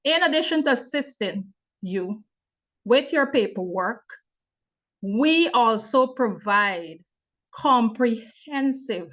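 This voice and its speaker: A young woman from Guyana, hosting and moderating a webinar on a video call, speaking in a measured, formal way. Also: a little high, animated, a bit bright. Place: home or office on video call. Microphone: laptop mic on video call. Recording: dull lo-fi video call audio.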